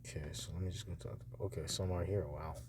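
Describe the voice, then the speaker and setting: Over a noisy phone screen recording, an audiobook publisher reviews narrator auditions with casual commentary. His voice is deep with fairly even intonation and a quick pace, and he thinks aloud in a hesitant mutter.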